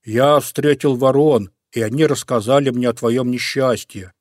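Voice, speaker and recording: A man's voice: mid-range voice, normal speed, a little mellow, dry recording, studio quality, close to an everyday voice. Man doing a good-natured bear cub. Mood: concerned. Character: kind clumsy bear cub, male.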